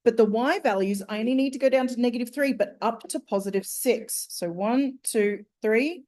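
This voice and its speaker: A woman's voice: fairly high pitch, darkish tone. A woman teaching a maths class, working through a problem step by step and quizzing her students as she goes. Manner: slow, step-by-step questioning of students. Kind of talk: classroom lesson.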